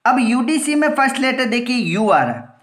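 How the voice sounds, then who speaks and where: A woman's voice: a little high, very animated, fairly quick. A woman teacher giving a grammar lesson, patiently going step by step, repeating herself and answering her own questions. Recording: echoey room.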